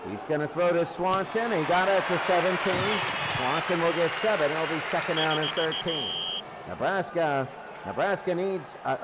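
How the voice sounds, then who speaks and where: A man with a high voice calls live football play-by-play as the game's commentator, with noticeable background noise behind his commentary.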